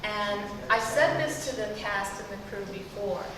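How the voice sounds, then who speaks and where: Measured woman in a reverberant hall. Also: mid-range voice, fairly even intonation. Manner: measured, praising, deliberate. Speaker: consultant to the director. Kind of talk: panel remarks. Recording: distant reverberant hall with noise.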